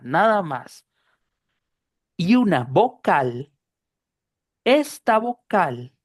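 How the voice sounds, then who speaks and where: Slow patient woman teaching. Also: on the low side, a little mellow, no echo, studio quality. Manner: patient, repeats points and checks understanding. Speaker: English teacher. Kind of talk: explaining pronunciation in a class.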